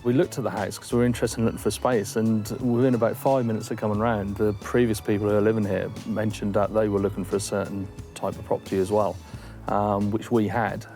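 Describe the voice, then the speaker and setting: Male homeowner, lower voice, plain and matter-of-fact, a few ums while he recalls things. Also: level tone, fast talker, warm tone, faint music behind. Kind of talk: interview recollection.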